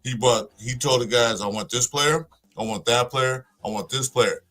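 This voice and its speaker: A man's voice: medium pitch, moderate pace, a bit bright. A man in his sixties on a casual podcast panel, speaking bluntly in short punchy sentences. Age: 60s.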